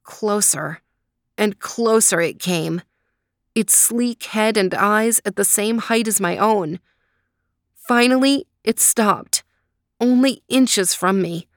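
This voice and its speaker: Middle-aged woman storyteller, slow and gentle; dry, close sound with no room. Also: medium pitch, dry recording. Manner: calm, gentle, drawn-out reading. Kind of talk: reading a children's story aloud.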